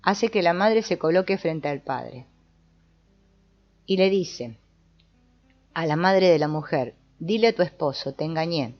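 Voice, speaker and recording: A woman giving a calm, measured scripted narration. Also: low-pitched. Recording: dull lo-fi voice-over with soft guitar music.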